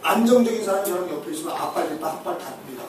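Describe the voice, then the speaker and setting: A high-voiced man teaches a room full of listeners about personality types, lively and full of jokes, checking in with them again and again. The recording is distant and echoes hard around a hall. Steady noise sits beneath him. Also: rapid-fire. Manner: animated, joking, asks the audience for agreement. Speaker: lecturer. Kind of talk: personality-type lecture to an audience. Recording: echoey hall, voice from far off, noisy.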